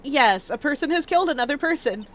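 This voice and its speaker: A woman's voice: high-pitched, lively intonation, fast. A woman voicing a dry, exasperated male defense attorney while reading out a video game. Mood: measured. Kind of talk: video game voice-over read-aloud.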